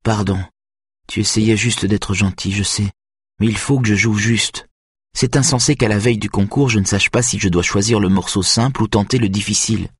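Male reader playing an anxious young female violinist, higher and strained, audiobook. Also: fairly even intonation, husky, no echo, studio quality. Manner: higher, tense, quick-tempered.

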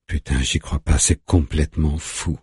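A man's voice: extremely low pitch, steady tone, moderate pace, darkish tone, husky, no room sound, clean studio sound, heavily acted. A man voicing a panicked adult male hiker who is distraught and swears. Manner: distraught, cursing.

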